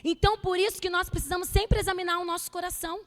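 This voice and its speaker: A woman pastor preaching to couples, telling stories with quoted dialogue in a lively way. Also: very high voice, quick pace, soft background music. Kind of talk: sermon to couples. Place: church. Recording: church hall reverb.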